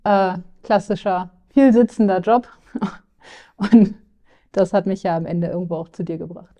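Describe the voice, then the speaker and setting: A woman's voice: medium pitch, moderate pace, mellow. A young woman from northern Germany, speaking candidly as a client in a podcast interview, with filler sounds and restarts. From Lower Saxony, Germany.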